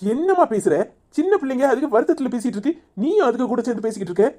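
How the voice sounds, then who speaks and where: A woman's voice: on the high side, very animated, rapid-fire, mellow. Woman doing a pleading grown son. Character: pleading adult son, placating. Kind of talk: cartoon voice acting.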